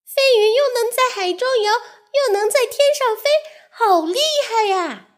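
Woman doing a timid, very high little fish. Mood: awed. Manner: very high, quick, awed.

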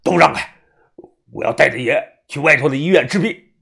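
A man voicing a fierce, hot-headed middle-aged man with a raspy voice. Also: fairly high pitch, sing-song, moderate pace.

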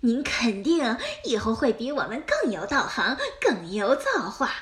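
A woman voicing a sly, scheming male fox in a children's story, flattering and coaxing in a sugary way. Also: on the high side, a little slow.

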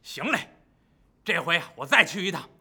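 A man's voice: a little high, animated, moderate pace, pushed and bright, breathy edge, full character voice. A man voicing a lazy male pig-spirit monk who grumbles about being ordered around. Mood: grumbling. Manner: grumbling, put-upon.

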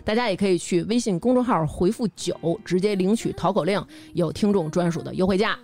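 A woman from Beijing with a Beijing accent, hosting a podcast and giving a casual, chatty product pitch among friends. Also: fairly quick, a little mellow. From Beijing, China. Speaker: podcast host reading a sponsor promotion. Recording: music behind the voice. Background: music.

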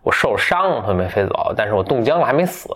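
A man voicing a kindly, gentle swallow in a casually told fairy tale, chatty and friendly. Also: medium pitch, very animated, fast talker.

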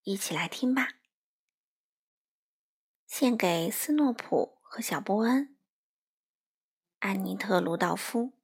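A woman reading a children's picture book aloud to young listeners in a gentle, unhurried way. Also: medium pitch, animated, breathy edge.

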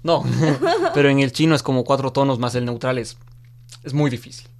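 Hombre joven ecuatoriano, charla relajada. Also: male voice, medium pitch, moderate pace. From Ecuador. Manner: relaxed, chatty, laughs easily. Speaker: interview guest, student of Chinese. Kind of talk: casual interview conversation.

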